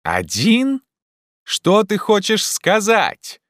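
A man voicing an excitable, feverish gentleman who shouts with loud urgency. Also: high-pitched, extremely slow, dry recording, clean studio sound, voice pushed up, full character voice. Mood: agitated shouting.

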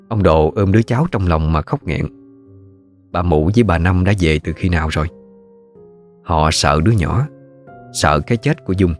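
Deep-voiced Southern Vietnamese storyteller. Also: male voice. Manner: steady, folksy storytelling. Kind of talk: narrating a ghost story.

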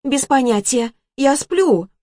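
A woman's voice: high-pitched, animated, takes it slowly, mellow, no echo, clean studio sound, pitched above the performer's own voice, heavily acted. A woman voicing a drowsy, indifferent nurse. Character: sleepy young nurse.

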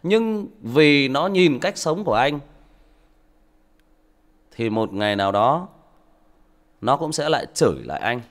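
A man's voice: mid-range voice, very animated, measured pace, pauses often. A man, an audiobook narrator talking to listeners on a livestream in an indignant, lecturing way. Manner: lecturing, indignant, rhetorical questions.

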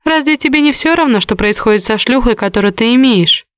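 A woman's voice: a little high, quick pace, clean tone, no room sound, studio quality, voice pushed up, close to an everyday voice. A woman voicing a bitter, hurt young heroine in an audiobook, speaking through clenched teeth. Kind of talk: audiobook reading.

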